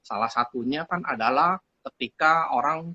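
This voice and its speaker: A man from Indonesia, a communication expert guest on a live stream, talking in an animated way with a loud, forceful voice. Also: mid-range voice, moderate pace, no echo, dull audio. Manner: animated, acts out quoted speech.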